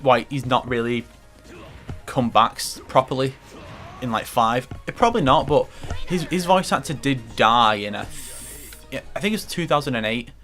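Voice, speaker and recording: A man's voice: mid-range voice, animated, moderate pace, a bit bright. A man commentating a fighting game playthrough, rambling and swearing often, with game music faint behind. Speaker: gaming commentator. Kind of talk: let's play commentary.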